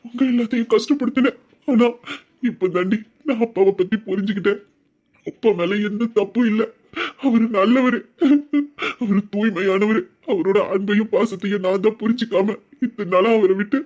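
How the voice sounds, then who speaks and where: A man playing a remorseful young man, high voice. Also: a little mellow, dull audio. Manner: emotional, confessional, tearful. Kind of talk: Tamil audio drama.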